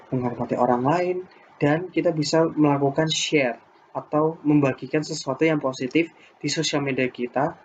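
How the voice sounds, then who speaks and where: A man's voice: on the high side, slight background noise. Young man urging, dull lo-fi sound. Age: young adult. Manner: urging, encouraging. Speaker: student presenter. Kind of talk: earnest explanatory talk. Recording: dull lo-fi recording.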